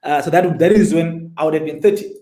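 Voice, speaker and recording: A man's voice: on the high side, fairly quick, mellow, roomy sound, poor audio. A man, telling his story as an interview guest and pressing listeners with rhetorical questions. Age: 20s. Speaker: guest entrepreneur.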